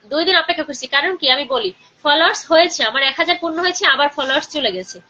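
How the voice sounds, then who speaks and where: A woman with a Bangladeshi Bengali accent hosting a live stream, chatting with viewers and urging them to share and comment, sometimes talking softly. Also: high voice, lo-fi sound. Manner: speaking slowly and softly during the call to prayer.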